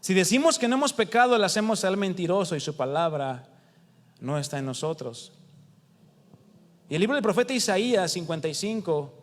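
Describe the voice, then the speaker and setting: A Mexican man preaching in a house of prayer, his voice sitting high for a man. He talks conversationally, asks the congregation rhetorical questions and acts out the quotes he reads. The sound rings with the long reverb of the hall. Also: sing-song, fairly quick. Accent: Mexican Spanish. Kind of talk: sermon.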